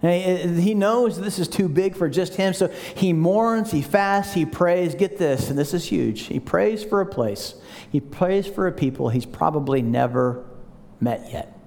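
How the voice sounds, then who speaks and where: A male pastor delivers a sermon in a casual, animated tone, stumbling and restarting as he talks. His voice sits notably high. A long hall reverb hangs behind him. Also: measured pace, creaky. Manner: conversational, animated, frequent restarts.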